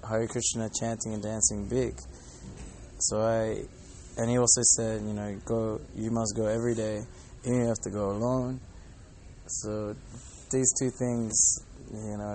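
This podcast host, a Hare Krishna devotee, has a low-leaning, slightly mellow voice and talks in an earnest, rambling, informal way, telling stories and reflecting. He's at an airport departure gate, with faint airport sounds in the background.

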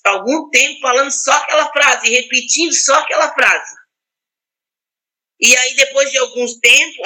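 A woman pastor with a high, very bright voice. She is middle-aged and teaches in a relaxed, reflective way. She leans on frequent "né" tags and starts her sentences over. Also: low-quality recording. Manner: reflective, personal, frequent "né" and restarts. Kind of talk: casual teaching talk on prayer.

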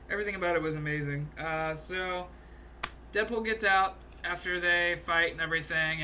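A young man with a very bright, forward voice, pitched a little high, chatting eagerly about a film he loved. He tells scenes in a loose, animated way, with plenty of laughs and the odd curse. A faint hiss of noise sits under the recording. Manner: animated, swearing, laughs a lot, recounts scenes. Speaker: podcast co-host. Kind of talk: casual movie review chat.

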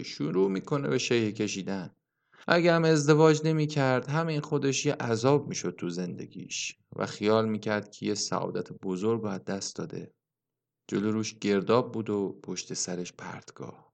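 A man reading an audiobook, voicing a gloomy old village grandfather in a low, hushed, brooding tone. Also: vocal fry, natural voice. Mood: mournful.

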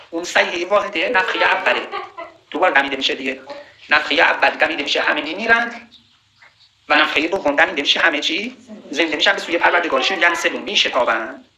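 A man giving a sermon on Quranic verses, slowly reciting Arabic verses and then explaining them in a conversational way. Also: on the high side, roomy sound, poor audio. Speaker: preacher.

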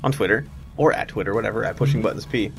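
A man's voice: fairly low pitch, very fast, gravelly, faint music behind. A man hosting a casual gaming podcast, joking and teasing his co-hosts. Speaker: podcast host.

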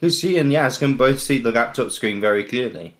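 A man's voice: medium pitch, expressive, brisk. A man, a podcast co-host chatting casually, who adds wry remarks and corrections while reviewing an episode.

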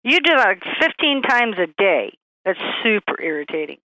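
A woman chatting casually on the phone with her husband, blunt and quick to laugh. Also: medium pitch, big pitch swings, pushed and bright, no echo. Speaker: host's wife on the phone. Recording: tinny phone line.

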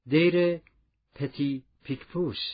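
A man's voice: high-pitched, big pitch swings, husky, full character voice. A man voicing a guarded, cautious middle-aged fugitive who asks terse questions, in a dull lo-fi recording.

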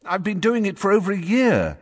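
A man's voice: sits high, huge pitch swings, brisk, in a large hall, pitched above the performer's own voice. A man voicing an impatient, desperate fifteen-year-old boy on trial. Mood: urgent. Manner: insistent, urgent.

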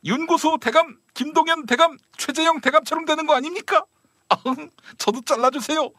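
A man voicing a smug, cheeky male finance minister in a satirical period-drama parody, talking in a high, sing-song way. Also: normal speed, sharp tone, no echo, studio quality. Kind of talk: satirical Joseon-era costume parody.

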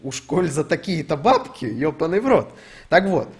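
A man's voice: on the high side, big pitch swings, normal speed. Young man ranting crudely on stream. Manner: swears a lot, rambling with fillers. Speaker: streamer reading donations. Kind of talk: casual profane streaming rant.

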